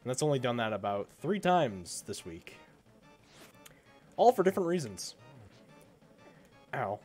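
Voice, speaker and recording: A man's voice: medium pitch, big pitch swings, measured pace, darkish tone, faint music behind. Sick, groaning male streamer. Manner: groaning, self-mocking complaints. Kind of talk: casual game-stream chat.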